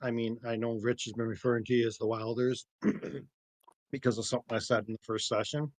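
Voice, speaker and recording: A man running a tabletop game, chatting hesitantly and clearing his throat. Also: mid-range voice, fairly even intonation, fairly quick, no echo. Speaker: game master. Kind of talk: casual tabletop chat.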